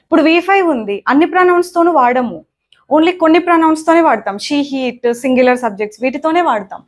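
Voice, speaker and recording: A woman's voice: sits high, lively intonation, fast talker. A young woman teaching grammar in a spoken lesson on her words, repeating points and often checking in with "okay?". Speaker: English teacher.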